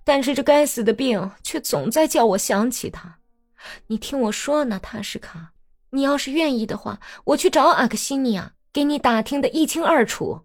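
A woman's voice: sits high, lively intonation, pitched above the performer's own voice. A woman voicing a bold, mocking young peasant woman who talks in a brash, teasing way in an audiobook. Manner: brash, teasing, quick-tongued.

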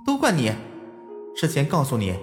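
A woman voicing a reproachful little girl from a dream, in a soft voice. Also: sits low, huge pitch swings, normal speed, reverberant, long reverb tail, faint music behind.

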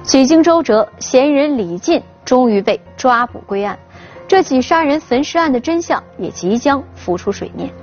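A woman's voice: high-pitched, expressive, normal speed, a little mellow. A woman narrating true crime from a script, dramatically posing questions as she tells it. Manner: dramatic, poses rhetorical questions. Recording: dull sound with faint music. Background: faint background music.

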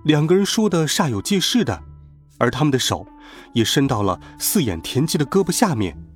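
A man narrating a children's story in a playful, animated way. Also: on the high side, normal speed. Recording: faint background music.

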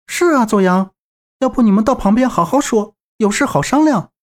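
A chirpy, bossy young woman who scolds in a high, lively lilt. A man acts her out. It is an audiobook character voice. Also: normal speed. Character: bright bossy young woman, teahouse owner's daughter.

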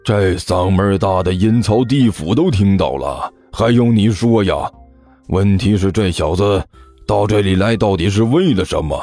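A man doing a gruff older master, low voice, slow, scolding, audiobook story. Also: lively intonation, a little mellow, soft background music. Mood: irritable. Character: grumpy older male master swindler.

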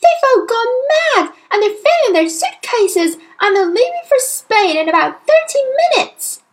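A small, earnest girl from a children's storybook. The voice is very high and swoops with urgent emphasis. The delivery is breathless, bright-minded and pleading. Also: big pitch swings, unhurried, full character voice. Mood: panicked, breathless. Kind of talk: children's audiobook character voice.

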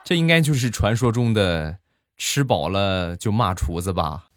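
A man, a podcast host telling comedic stories in a chatty, animated way. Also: on the low side, measured pace, loud music behind the voice. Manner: chatty, animated, laughs at his own jokes. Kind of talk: comedic storytelling monologue.

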